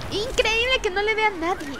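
A woman streaming a game, chatting casually in a bubbly, animated way and often laughing or yelling. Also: very high voice, fairly quick. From Mexico. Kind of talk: casual let's-play chat.

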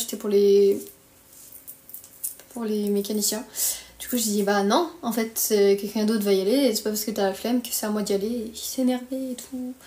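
The voice here is mid-range and a little mellow, belonging to a young French woman in her early twenties chatting on a livestream. Her talk is blunt, slangy and full of griping, delivered with a French accent. She's indoors in a small bedroom, and the arm's-length phone mic sounds roomy and echoey.

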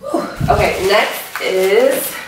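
A woman's voice: medium pitch, very slow, background noise. Slangy young woman in an echoey room. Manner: bubbly, slangy, lots of "like" fillers. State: out of breath at times. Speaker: vlogger. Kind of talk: casual unboxing chat. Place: room at home, moving in. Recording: echoey empty room, camera mic from a distance.

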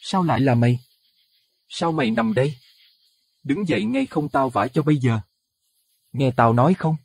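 Man as a violent crazed husband, harsh, rough raspy voice, swinging pitch. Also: expressive, normal speed, dry recording. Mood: frantic rage. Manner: harsh, snarling, abusive. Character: crazed brutal middle-aged husband, violent.

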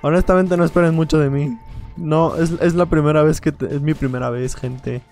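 A man's voice: fairly high pitch, fairly even intonation, normal speed, vocal fry, a little mellow, faint music behind. A man giving playful, rambling let's play commentary, joking and laughing often. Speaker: gaming video creator.

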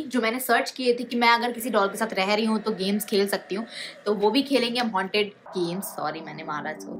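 A woman's voice: fairly high pitch, fairly bright tone, a little hiss or hum. A woman vlogger chatting casually to the camera in a dim room at home, nervous and giggly, with sudden gasps and squeals.

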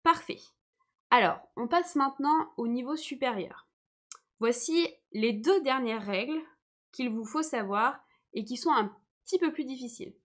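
A woman's voice: high voice, measured pace. Patient young woman teaching a live lesson. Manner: patient, checks in often with viewers. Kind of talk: live online French lesson.

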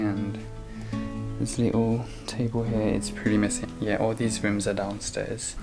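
A young man with a lowish, creaky voice vlogs casually while touring a countryside guest house, filming himself on a handheld camera held at arm's length. He's chatty and upbeat, dropping frequent ums as he moves between the indoor rooms and a snowy farmyard outside.

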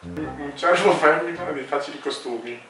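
A man's voice: a little high, moderate pace. A young man casually telling jokes to a friend, amused and trying not to laugh. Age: young adult. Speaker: contestant in a joke challenge. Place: home kitchen, indoors at a table. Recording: echoey room, distant mic, music behind.

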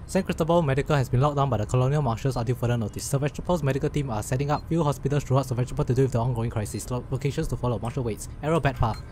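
A man's voice: mid-range voice, racing, hardly any pauses, a little mellow, a little hiss or hum. A man doing gameplay commentary and reading in-game text aloud as he plays. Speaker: gamer, let's play host.

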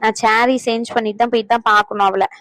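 A woman's voice: a little high, level tone, fast talker, a bit bright, no echo, close to an everyday voice. A woman voicing a young married daughter in a cartoon, sulky and complaining. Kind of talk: cartoon voice acting.

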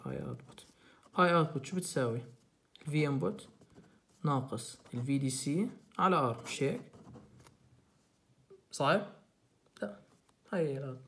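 A young man with a Jordanian accent, tutoring through a recorded lecture and repeating the key points. He asks quick questions and answers them himself. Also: fairly high pitch, fairly bright tone. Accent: Jordanian Arabic. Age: young adult. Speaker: student tutor.

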